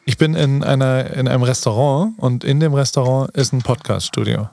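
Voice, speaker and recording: A man in his forties co-hosts a podcast from a studio inside a restaurant, chatting casually and rambling along with playful jokes. His mid-range voice is steady, darkish and marked by vocal fry, at a moderate pace. A studio podcast mic captures him with no echo.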